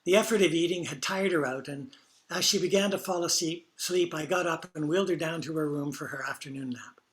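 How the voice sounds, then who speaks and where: A man reading personal stories from care work as a reflection during a service, in a quiet, measured way. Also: a little high.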